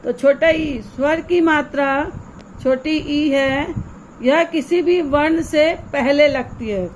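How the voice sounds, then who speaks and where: A woman teaching young children in a slow, unhurried way, her voice pitched high and clear. She explains each step patiently and keeps putting questions to her pupils. Faint ambience sits behind her. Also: slight background noise, rough recording. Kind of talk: online grammar lesson for young children.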